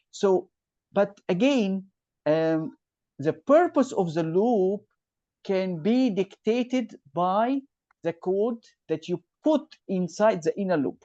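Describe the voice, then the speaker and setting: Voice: medium pitch, mellow, no room sound. A computer science tutor on a video call, captured as a screen recording, who patiently walks through each loop step and checks that the student follows. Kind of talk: step-by-step online lesson. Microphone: computer mic on a video call. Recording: dull, dry video-call audio.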